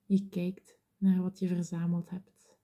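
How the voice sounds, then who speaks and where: A woman whispering softly as she leads a guided meditation in a slow, soothing, gentle manner. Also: fairly low pitch, monotone.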